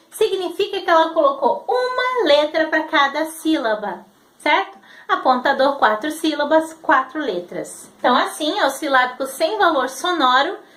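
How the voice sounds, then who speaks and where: A woman, teaching patiently and sounding out syllables slowly as she explains. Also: high voice, a bit bright. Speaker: literacy teacher. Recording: roomy echo.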